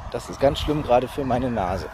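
A man's voice: mid-range voice, lively intonation, moderate pace, warm tone. A man in his thirties talking casually and in a rambling way while walking along a roadside, as in a phone vlog. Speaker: vlogger. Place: outdoors on a village roadside. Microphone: phone held at arm's length. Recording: noisy outdoor roadside phone recording.

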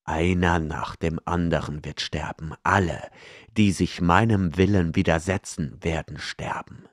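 A man's voice: low voice, fairly even intonation, unhurried, no echo, studio quality. A man voicing a scheming, arrogant male outlaw noble in an audiobook, cold and domineering. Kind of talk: audiobook character reading.

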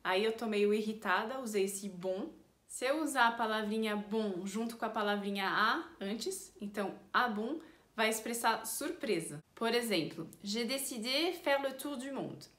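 A woman's voice: mid-range voice, moderate pace, a bit bright, roomy sound. A woman teaching a casual video lesson, explaining patiently and acting out short example phrases. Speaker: French teacher.

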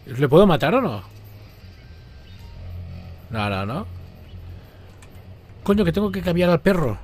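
A man giving excitable live commentary while playing a video game, often swearing and reacting loudly. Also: on the high side, a little slow, soft background music.

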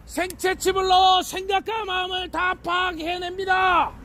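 A man giving a shouted protest speech outdoors on a street, calling out slogans in drawn-out phrases. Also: extremely high pitch, little pitch movement, a little hiss or hum.

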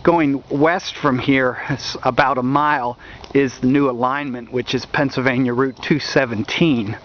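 A man narrating a walking tour outdoors along a wooded riverbank, talking in a halting way with many fillers, recorded on a handheld camera mic. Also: mid-range voice, fairly even intonation, slight background noise. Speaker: history video host. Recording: dull lo-fi outdoor audio.

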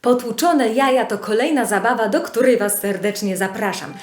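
A woman's voice: a little high, normal speed. A woman speech therapist explaining children's learning games in a friendly, instructive way, speaking directly to parents. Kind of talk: instructional video presentation. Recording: echoey room with soft music.

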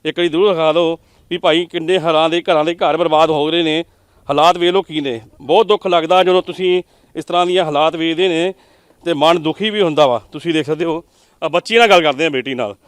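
A man from Punjab reporting on the scene at a flood-damaged home, talking quickly with an emotional, consoling tone. His voice is a little high, smooth and clear, recorded dry and close. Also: no room sound. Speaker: field reporter.

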